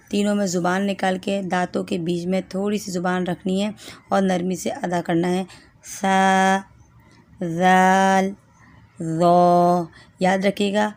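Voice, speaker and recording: A woman's voice: medium pitch, darkish tone. A woman teaching a step-by-step Quran reading lesson, patiently sounding out letters one by one and often checking in with her students.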